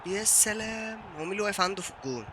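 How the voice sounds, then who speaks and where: A young Egyptian man with an Egyptian accent, live-streaming a football game and giving excited commentary while he taunts his opponent. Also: sits high, rapid-fire, background noise. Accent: Egyptian Arabic. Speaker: gaming streamer.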